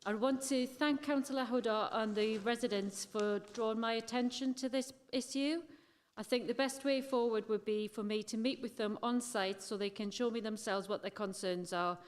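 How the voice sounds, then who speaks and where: A woman's voice: on the high side, fairly even intonation, moderate pace. A female cabinet member of a city council giving a courteous, formal reply to residents' petitions. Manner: courteous, thanking and promising site visits. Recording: council chamber with long reverb.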